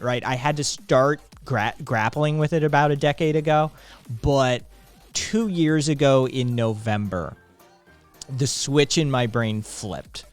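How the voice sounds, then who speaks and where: Chatting casually on a live stream, a man in his late thirties rambles freely, swears a lot and leans on frequent ums in a laid-back manner. He speaks in a medium-pitched, middle-range voice while faint music plays underneath.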